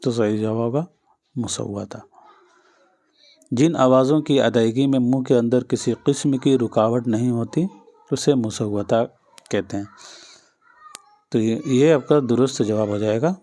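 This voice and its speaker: Male tutor, mellow tone, patient exam-drill delivery, repeats key answers. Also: medium pitch. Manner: patient, repeats each answer, addresses listeners directly. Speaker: teacher. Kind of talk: exam-prep lesson.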